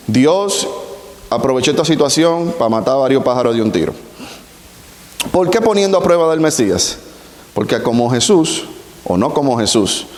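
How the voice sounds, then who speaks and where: A man preaching a sermon, explaining scripture slowly and deliberately with rhetorical questions. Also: medium pitch, darkish tone. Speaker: pastor. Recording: roomy echo with long hall reverb.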